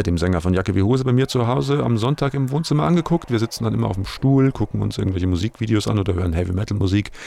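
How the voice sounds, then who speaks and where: A man's voice: mid-range voice, creaky, mellow. A middle-aged man presenting a music show in a casual, rambling, colloquial and self-ironic way. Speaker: radio music show host.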